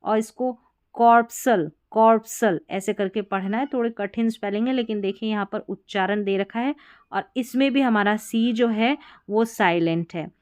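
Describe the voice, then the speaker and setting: A woman teacher works through English spelling patterns in Hindi, her voice smooth and clear at an ordinary middle pitch. She is patient and methodical, sounding out each example slowly and repeating it. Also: a little mellow. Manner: patient, repeats words slowly to model pronunciation. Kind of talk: explaining spelling rules.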